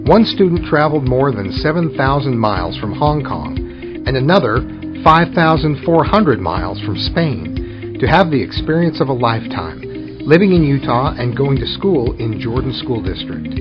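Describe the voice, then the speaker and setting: Brief: male superintendent host, mid pitch, measured questions, lo-fi audio with faint music. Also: very animated. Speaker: school district superintendent, podcast host. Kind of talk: scripted intro, then interviewing guests. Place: alumni room at a high school.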